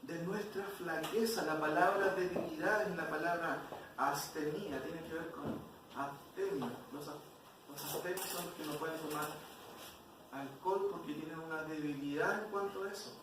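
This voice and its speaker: A man's voice: on the high side, normal speed. A man teaching an expository Bible class, often asking the class questions. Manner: questions the class, frequent "¿cierto?". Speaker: Sunday school teacher. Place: church hall. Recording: very echoey church hall from far off, noisy.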